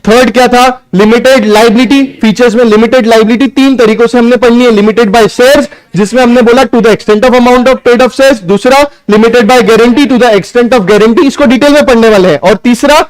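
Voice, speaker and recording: High-pitched loud male tutor. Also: steady tone, moderate pace, few pauses, smooth, low-quality recording. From India. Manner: loud, quizzes students and answers himself; mixes Hindi with read-out English lines. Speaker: teacher. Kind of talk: live online lecture.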